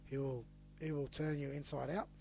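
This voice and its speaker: A man with an Australian accent, hosting a casual sports podcast, talking in a teasing, animated way and repeating words as he gets going. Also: on the high side, normal speed, vocal fry, slight background noise. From western New South Wales. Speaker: podcast host.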